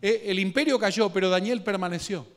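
A male preacher with a Guatemalan Spanish accent gives a sermon in a somewhat high voice, telling the story with local slang and humor. He sinks to quiet, slow reading, then climbs into louder, quicker bursts.

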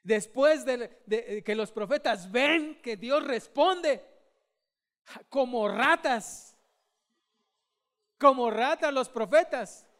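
High-voiced preacher, dramatic. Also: male voice, animated, takes it slowly, pauses often. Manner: dramatic, swings from hushed to shouting, urges the congregation to join in. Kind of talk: sermon.

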